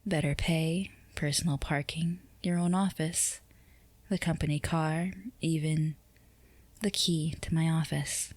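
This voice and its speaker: A woman with a low voice plays a poised female CEO in an ASMR-style roleplay, recorded very dry and close-miked. Composed and persuasive, she flirtatiously teases the listener in formal, unhurried phrases, her intonation staying fairly even.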